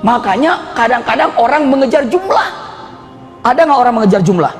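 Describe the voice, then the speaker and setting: A middle-aged man delivers an animated sermon, his fairly high voice leaping upward whenever he stresses a point, breaking into laughter between stories. The sound carries a long hall reverb, with soft music faintly underneath. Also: a little fast. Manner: animated, jumps high in pitch for emphasis, laughs often. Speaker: preacher.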